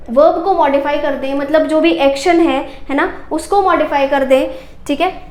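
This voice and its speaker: A woman's voice: high-pitched, a little mellow, roomy sound. A woman teacher giving a grammar lesson, explaining step by step and asking questions she answers herself.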